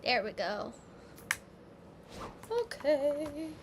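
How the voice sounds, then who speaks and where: Slow-talking, rambling woman gamer. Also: sits high, sing-song, noisy background. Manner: rambling, with many fillers and self-corrections. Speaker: gaming streamer. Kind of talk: casual gameplay commentary. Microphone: headset or desk mic, at times far from it.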